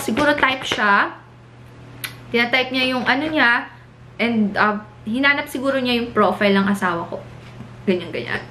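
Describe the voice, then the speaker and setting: A young woman from the Philippines chats through a casual vlog story with a Filipino accent, slipping between Tagalog and English. Her voice sits a little high and she laughs often. Faint room ambience hums behind her. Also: pushed and bright, roomy sound, a little hiss or hum. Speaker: vlogger.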